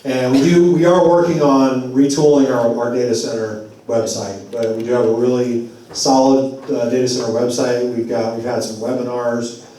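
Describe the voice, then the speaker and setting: A man's voice: medium pitch, little pitch movement, moderate pace, mellow, a little hiss or hum. A man speaking to a community forum in a loose, conversational way, his voice getting worn. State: losing his voice. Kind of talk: public address at a community meeting. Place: church meeting hall. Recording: very echoey hall, voice far from mic.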